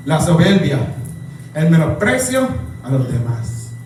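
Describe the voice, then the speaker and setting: A man preaching a sermon as pastor, impassioned, swinging between shouts and low murmurs. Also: big pitch swings, slow. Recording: echoey hall, voice from far off, faint music.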